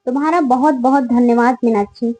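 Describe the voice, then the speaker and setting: A woman voicing a quiet but firm young female college student in a read-aloud story. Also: on the high side, fairly even intonation, a little fast, lightly acted, low-quality recording. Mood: composed. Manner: firm and indignant.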